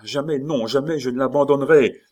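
A man's voice: mid-range voice, a little fast, a little mellow, voice pushed up, natural voice. A man voicing a desperate young noblewoman who pleads and cries out in fear. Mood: frantic. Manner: pleading, crying out.

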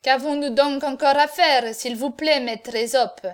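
A boisterous male swordsman from Gascony, all bluster and loud exclamations, voiced by a woman reading a novel aloud. His lines come out raised and emphatic, pitched fairly high. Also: steady tone, unhurried. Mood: gruff.

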